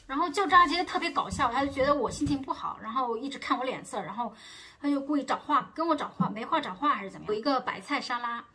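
A woman's voice: high voice, lively intonation, quick pace, bright, forceful tone, breathy edge. A woman in her thirties from China, chatting casually to viewers and growing exasperated as she retells a quarrel. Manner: chatty and exasperated, rising heat when retelling arguments. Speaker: vlogger.

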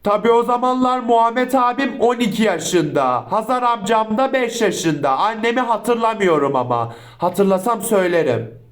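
A man's voice: high voice, animated, moderate pace, a little hiss or hum. A man chatting casually as the host of a reaction video. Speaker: YouTube host.

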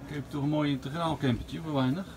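A man in his forties vlogging casually as he walks around outdoors, chatting relaxed into a phone held at arm's length. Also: on the high side, quick pace. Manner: chatty, relaxed running commentary. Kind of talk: casual walk-and-talk vlog. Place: outdoors at a campervan fair. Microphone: phone camera at arm's length. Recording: noisy outdoor phone recording. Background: outdoor ambience and vehicles.

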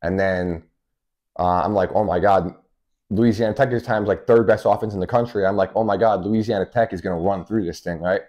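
A man's voice: deep voice, steady tone, fairly quick, a little mellow, lo-fi sound. A young man, a baseball coach, telling stories as a podcast guest in a small studio, in a direct, chatty way. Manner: direct, storytelling, many fillers. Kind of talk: casual interview. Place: small indoor studio room.

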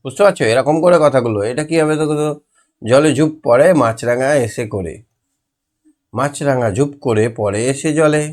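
A man's voice: mid-range voice, normal speed, a little mellow. Patient man spelling words for children. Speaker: primary school teacher. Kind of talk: homework lesson for young children.

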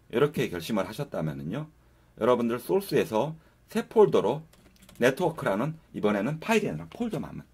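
A man with a lowish, somewhat mellow and slightly rough voice teaches programming in a laid-back screen-recording tutorial. He leads viewers through the process one step at a time.

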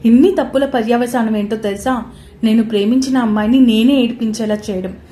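A woman voicing an angry young man in a romance story, loud and reproachful. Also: fairly high pitch, brisk, slight background noise, lightly acted. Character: young man, lover, quick to anger. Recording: roomy echoey recording.

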